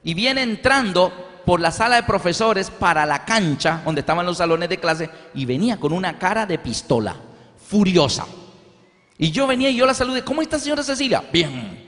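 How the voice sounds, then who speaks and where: Male pastor with a high voice, preaching to a congregation and questioning them, in an echoing hall. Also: lively intonation, moderate pace, a bit bright. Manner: asks the audience questions. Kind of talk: sermon with storytelling. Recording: reverberant hall with faint music.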